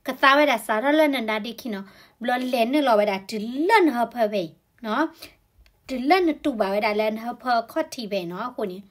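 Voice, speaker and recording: Woman, fairly high voice, health talk, conversational, tag particles. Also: lively intonation, brisk. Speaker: health educator.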